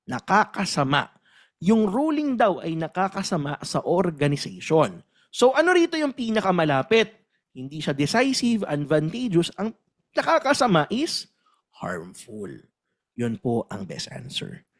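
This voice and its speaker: A man coaching exam takers in a lecture, switching between Tagalog and English, emphatic and animated, often asking questions and acting out examples. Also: high-pitched, a little slow.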